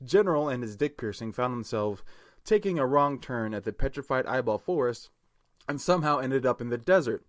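A man's voice: medium pitch, lively intonation, a little fast, dry recording, clean studio sound. A man co-hosting a podcast, reading his own crude comic story aloud in a jokey way.

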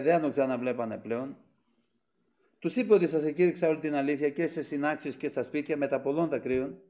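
A man's voice: on the high side, a little mellow. A man preaching a sermon with fervor, swelling on key phrases and often addressing the brethren. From Greece.

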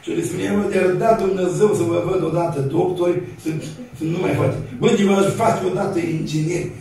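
A man's voice: sits high, steady tone, dark tone. A Romanian man preaching a sermon in a church, telling stories and acting out the voices of the people in them. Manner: storytelling, acting out voices in anecdotes. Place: church hall. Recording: echoey church, mic far off.

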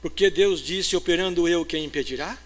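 An older Brazilian man, a pastor preaching a sermon in a church, moving between hushed storytelling and loud, emphatic preaching. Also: a little high, moderate pace. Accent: Brazilian Portuguese.

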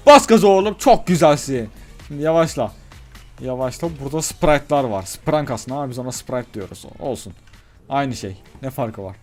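A gaming YouTuber with a medium-pitched voice narrates a let's play, excitably talking himself through the game. He swings between loud cheers and hushed muttering.

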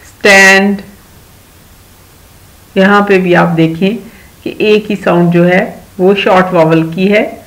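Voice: mid-range voice, fairly even intonation, poor audio. Patient teacher with a Pakistani accent. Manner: patient, instructive, repeats key words and gives moral advice to children; reads English sentences slowly and deliberately. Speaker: primary school English teacher. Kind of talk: recorded video lesson for children.

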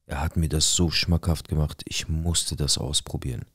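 Male storyteller, first-person dramatic retelling; very low, husky voice, dry close recording, faint music bed. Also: fairly even intonation, moderate pace, fairly bright tone, dry recording. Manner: dramatic retelling acting out dialogue.

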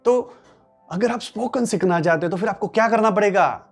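A man's voice: sits high, a little fast, faint music behind. A man whose first language is Marathi, giving a workshop lecture full of rhetorical questions and repetition. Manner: rhetorical questions and repetition, animated rising and falling delivery. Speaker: language teacher.

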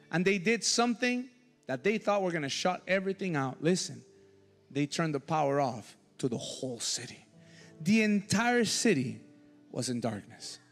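A man preaching a sermon as pastor, passionate, swinging between loud bursts and hushed lines. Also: on the high side. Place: church sanctuary. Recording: church hall reverb with soft music behind.

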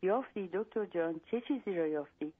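A woman's voice: on the low side, expressive, breathy edge, no room sound. A woman reading aloud the lines of a kindly, puzzled husband who asks polite questions, over a phone line.

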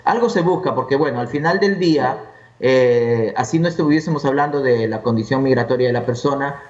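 A man's voice: medium pitch, a little fast, a little mellow, muffled recording. Distant, echoey man explaining. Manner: explanatory, lays out points one by one. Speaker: immigration lawyer, interview guest. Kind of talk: conversational interview.

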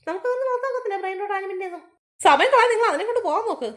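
A woman's voice: very high voice, animated, racing, noisy background. A woman playing a fretful, scolding mother in a family comedy skit, full of exclamations.

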